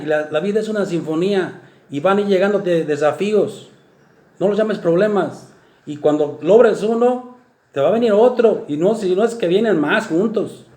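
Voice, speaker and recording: Dramatic preacher in an echoey room. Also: male voice. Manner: dramatic, swings from loud exclamations to soft low asides. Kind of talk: sermon talk.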